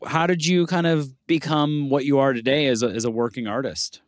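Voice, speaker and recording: A man's voice: mid-range voice, fairly even intonation, fairly quick, no room sound, clean studio sound. A man hosting a podcast, reading a scripted intro and then asking questions with many fillers and restarts. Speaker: podcast host. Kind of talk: casual interview chat with scripted intro.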